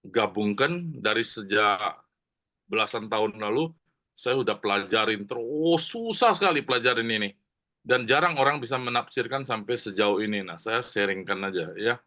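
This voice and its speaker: Chatty preacher with a bright voice. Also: male voice, on the low side, lively intonation, moderate pace. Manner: conversational storytelling, many fillers and asides to the congregation. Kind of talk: sermon. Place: church.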